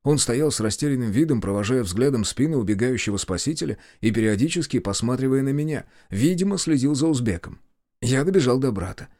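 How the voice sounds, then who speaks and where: Male narrator for a gritty first-person audiobook, animated delivery, dry studio sound. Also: medium pitch, a little fast, no echo. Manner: lively, acts out shouts and dialogue.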